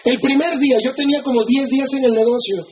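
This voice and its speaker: A man's voice: very high-pitched, fast talker, highs cut off, faint music behind. A man with a Mexican Spanish accent giving a motivational business seminar, acting out the people he quotes and checking in with the audience. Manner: animated, acts out quoted people, asks the audience for agreement.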